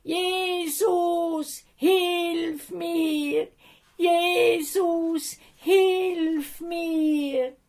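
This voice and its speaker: A woman's voice: very high-pitched, fairly even intonation, very slow, a little mellow, pitched above the performer's own voice, exaggerated voice. A woman doing a desperate blind beggar, Swiss German. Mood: pleading shout.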